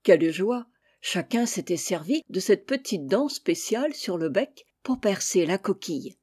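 A woman reading a children's story aloud with gentle, measured narration. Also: mid-range voice, big pitch swings, breathy edge.

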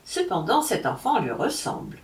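A woman's voice: medium pitch, wildly swooping pitch, normal speed. Ask: a woman doing a dignified older mother. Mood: measured. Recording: roomy, from a distance.

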